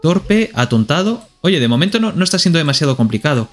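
A man's voice: a little high, expressive, racing. Playful Spanish man narrating his gameplay. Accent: Spain Spanish. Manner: playful, talks to himself and to the game characters. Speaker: streamer. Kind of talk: live gameplay commentary.

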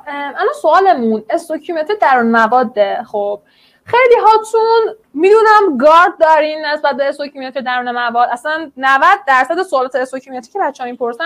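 High-voiced woman teaching online chemistry. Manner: encouraging, explains step by step, colloquial.

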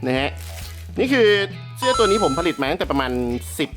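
Excitable, foul-mouthed man hosting a vlog. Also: high-pitched, quick pace, over music. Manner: excitable and coarse, joking with swear words; talks straight to viewers. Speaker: YouTube host. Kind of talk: casual vlog while clearing out a house. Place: in and around a house.

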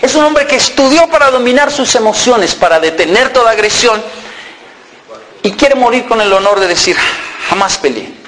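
Animated high-voiced storyteller man. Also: moderate pace, low-quality recording. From Colombia. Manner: animated, acts out quoted dialogue with mock voices; lively comic timing, self-mocking. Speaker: motivational speaker. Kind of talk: humorous storytelling talk.

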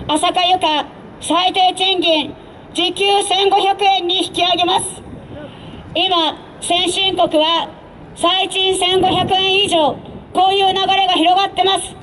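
A woman election candidate delivering an emphatic street campaign speech through a handheld microphone, in deliberate phrases with direct appeals. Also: extremely high pitch, fairly bright tone, low-quality recording. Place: outdoor urban street rally stage. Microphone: handheld mic over PA, filmed from a distance. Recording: faint outdoor street noise.

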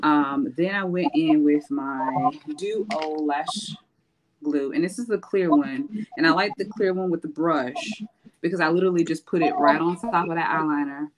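A woman's voice: low voice, moderate pace, background noise. A woman co-hosting a live makeup show, explaining beauty tips in a chatty way with frequent fillers. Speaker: makeup co-host with her own lash line. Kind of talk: casual makeup tutorial chat.

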